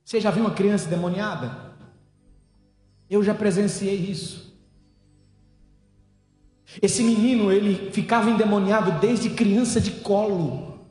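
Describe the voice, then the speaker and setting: A man preaching a sermon to a church service. He preaches with fervor, repeats lines for emphasis and swells to shouts at his peaks. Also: sits high, unhurried, pauses often, soft background music. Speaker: pastor. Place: church hall, evening service. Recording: echoey hall with long reverb.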